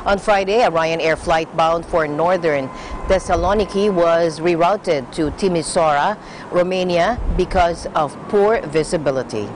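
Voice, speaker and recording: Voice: medium pitch, measured pace, slight background noise, rough recording. A news anchor delivering scripted international news narration.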